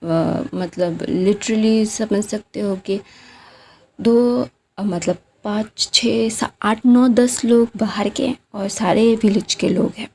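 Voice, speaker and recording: Woman with a gravelly, mellow storytelling voice. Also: mid-range voice, fairly even intonation, slow. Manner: chatty, loose, lots of fillers, drops to a near-whisper for tense parts. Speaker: storyteller retelling a fan story. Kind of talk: casual story retelling.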